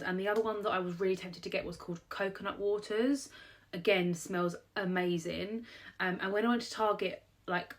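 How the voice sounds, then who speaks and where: A young British woman from England rambles casually to camera in a haul vlog about her purchases, chatty and full of "um" and "like." A cold has blocked her nose, making her slightly low-for-a-woman voice sound a bit nasal and bunged up.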